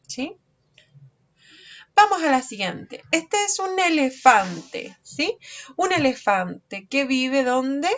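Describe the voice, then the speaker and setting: A woman teaching an online lesson for young children, speaking slowly and patiently, checking that the children follow, while she has a cold. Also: on the high side, a bit bright, muffled recording. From Chile. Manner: slow, patient, checks understanding with frequent questions. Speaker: preschool teacher.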